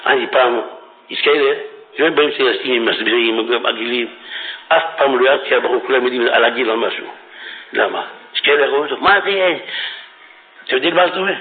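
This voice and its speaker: A middle-aged man preaching a fiery religious sermon, swinging between shouting and hushed tones. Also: mid-range voice. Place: religious study hall. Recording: tinny phone-like radio recording.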